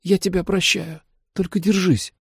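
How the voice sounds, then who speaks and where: A grieving young woman sobs short, tender words, voiced by a man. The voice rises well above his own, soft and catching. She is a hard-edged audiobook heroine broken by loss. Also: high voice, level tone, normal speed, vocal fry, breathy edge, no room sound, clean studio sound, voice pushed up, full character voice. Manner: sobbing pleas. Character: grieving young woman, tough but tearful.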